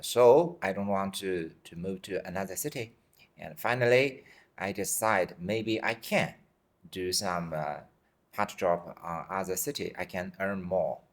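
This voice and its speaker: A man in his forties from China, Chinese native, answering interview questions in simple, halting English and repeating himself, tired. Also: sits low. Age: 40s. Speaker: dentist guest. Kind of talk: interview answers in second language.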